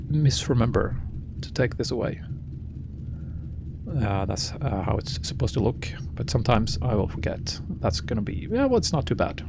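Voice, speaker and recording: Loud engine-like noise sits behind a man at a middle pitch. He gives casual cockpit commentary as a pilot and host, thinking aloud in a halting way. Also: vocal fry. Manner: halting, thinking aloud while working through checks. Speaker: flight simulator pilot and host. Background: loud vehicle ambience.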